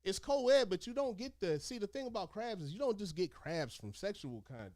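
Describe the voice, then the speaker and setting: A man telling stories casually in animated, profane street slang, talking like a streetwise former inmate. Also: high-pitched, normal speed, dry recording, studio quality. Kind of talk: casual storytelling chat.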